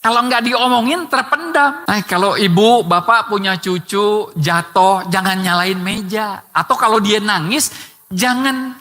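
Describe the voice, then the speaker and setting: A man's voice: high voice, measured pace, sharp tone. A man preaching a sermon who speaks straight to his listeners with rhetorical questions. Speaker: Islamic preacher. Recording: long hall reverb.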